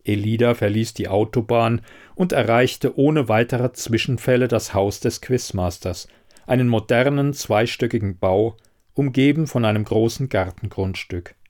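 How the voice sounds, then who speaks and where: A man narrating a crime story aloud in an expressive audiobook style. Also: medium pitch, normal speed.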